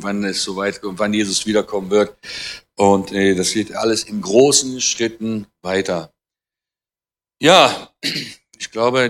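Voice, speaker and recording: A man's voice: fairly low pitch, a bit bright. A man in his fifties, born in Germany, gives an earnest, conversational talk to a church audience, quoting scripture, adding light humour and often hesitating and correcting himself. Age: 50s. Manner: talks with frequent hesitations and self-corrections. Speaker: guest speaker on Israel.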